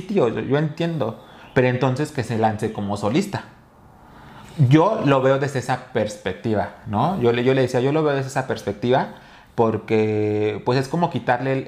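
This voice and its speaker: Young Mexican man, podcast co-host, medium pitch, chatty storyteller who restarts his sentences. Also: a little mellow. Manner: rambling storyteller with many fillers and restarts. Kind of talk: casual chat.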